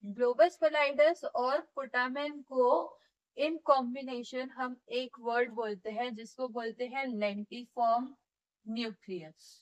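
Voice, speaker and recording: Woman, high voice, physiotherapy teacher, step-by-step lecture, keeps checking in. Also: fairly even intonation, extremely slow, rough recording. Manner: explains step by step, often checking with "ठीक है" and "है ना"; demonstrates movements while teaching. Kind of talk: classroom lecture.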